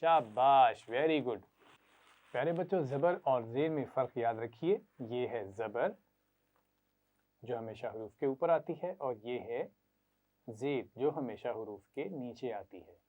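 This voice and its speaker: A man, giving a children's recitation lesson in a patient, slow voice and drilling each sound for them to repeat. His voice sits at a middling pitch. The audio is thin and tinny, like a phone line. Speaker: Quran reading teacher.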